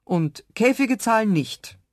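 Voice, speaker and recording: Brief: a woman doing an officious tram inspector man, loud, insistent, slightly raised pitch. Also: animated, slow pace, dry recording, clean studio sound. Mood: stubborn. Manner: officious, insistent, louder than the narration. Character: stubborn rule-bound male tram ticket inspector.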